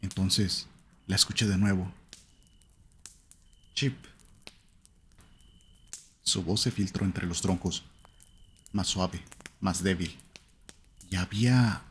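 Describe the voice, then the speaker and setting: A man narrating a first-person horror story in a slow, somber, suspenseful way. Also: low-pitched, steady tone, slight background noise.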